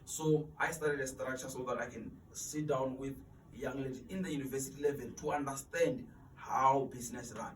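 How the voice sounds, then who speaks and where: In this motivational interview, a male guest in his twenties talks at an ordinary pace with a medium-pitched, steady voice. His subject is mentoring students, and he speaks with sincerity, frequently repeating words while hunting for what to say. Faint noise and echo come through a far-off microphone.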